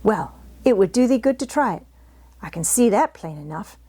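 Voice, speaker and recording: A woman's voice: mid-range voice, animated, normal speed, dark tone, husky. A woman voicing a good-tempered, outspoken young housemaid who rattles on in homely dialect for a storybook. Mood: indignant, outspoken. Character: good-tempered, chatty young Yorkshire housemaid, plain-spoken country girl.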